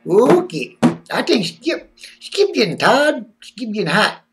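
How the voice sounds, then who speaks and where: A man's voice: high-pitched, very animated, takes it slowly, recorded from a distance, music in the background, heavily acted. A man voicing a zany, boastful male wrestling-fan character who drawls and talks about himself in the third person. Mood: brash.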